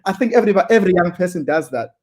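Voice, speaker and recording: A man hosting an interview in a slightly high voice. He stammers and repeats words. His speech is full of fillers as he works through his questions. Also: animated, a little mellow. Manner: halting, stammering, many fillers. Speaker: host. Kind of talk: interview conversation.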